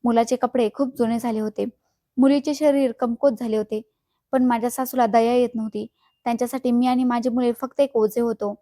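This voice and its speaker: A woman's voice: on the high side, fairly even intonation, brisk, dark tone, no room sound, clean studio sound. A woman telling an emotional first-person story in an earnest, sorrowful narration.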